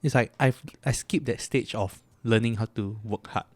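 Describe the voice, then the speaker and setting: Breathless young man rushing his words. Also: fairly low pitch, no echo. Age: young adult. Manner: animated, rushed run-on sentences, many fillers. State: out of breath and shivering from cold. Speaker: podcast co-host. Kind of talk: casual chat.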